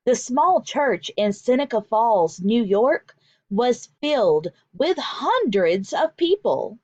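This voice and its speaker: Reading a picture book to small children, a female teacher delivers the story with deliberate emphasis and an instructive tone. She pitches her voice fairly high in a sing-song way, captured in a somewhat dull recording free of echo.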